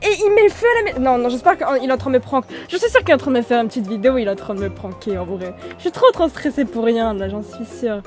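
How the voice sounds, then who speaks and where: A woman's voice: on the high side, expressive, quick pace, hardly any pauses, darkish tone, soft background music, natural voice. A woman playing an exasperated, easily panicked young mother in a video game role-play film, scolding and repeating herself when flustered. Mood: alarmed.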